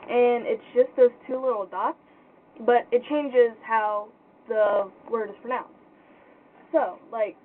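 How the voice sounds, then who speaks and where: A young woman giving an informal pronunciation lesson in a casual, halting way, thinking aloud as she explains. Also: a little high. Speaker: language tutor. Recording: tinny phone-like sound with faint noise.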